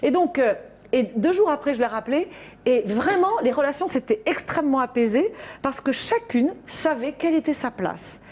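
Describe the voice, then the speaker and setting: A woman on a radio show, telling a parenting story in an animated way and acting out a little girl's voice. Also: high voice, moderate pace. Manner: animated storytelling, acts out a child's voice. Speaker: parenting columnist.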